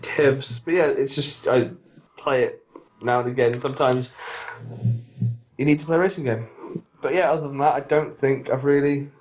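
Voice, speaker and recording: A man co-hosting a podcast, chatting casually in a rambling, animated, self-mocking way. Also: medium pitch, moderate pace, long pauses, poor audio. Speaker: podcast co-host. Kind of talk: casual chat.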